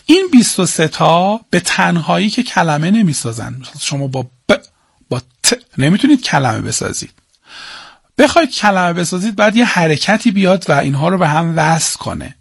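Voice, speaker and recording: A man's voice: high-pitched, sing-song, gravelly, breathy edge, no echo, clean studio sound. A man teaching a class, asking questions and answering them himself and repeating key points. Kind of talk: classroom lecture on Persian prosody.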